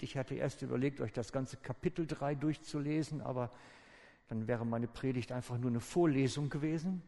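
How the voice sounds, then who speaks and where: A man giving a sermon in a relaxed, conversational storytelling way, with informal asides to his listeners. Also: mid-range voice, creaky. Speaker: preacher. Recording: echoey hall with long reverb.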